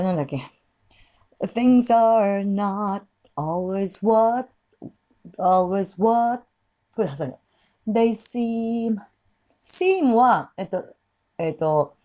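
A woman's voice: medium pitch, warm tone, dull audio. A woman teaching English pronunciation for singing, demonstrating the sounds by repeating words. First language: Japanese. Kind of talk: casual spoken lesson.

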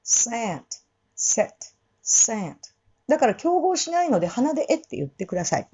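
Woman slowly demonstrating English sounds in a lesson. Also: high-pitched, big pitch swings, warm tone, muffled recording. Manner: demonstrates sounds slowly, repeating words many times; many fillers, informal explaining. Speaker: English pronunciation teacher for singers. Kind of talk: casual spoken lesson with demonstrations.

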